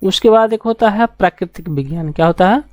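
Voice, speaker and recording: Dark-voiced woman teaching a science class. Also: mid-range voice, no room sound. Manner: repeats key terms slowly, asks rhetorical questions. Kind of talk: classroom lecture.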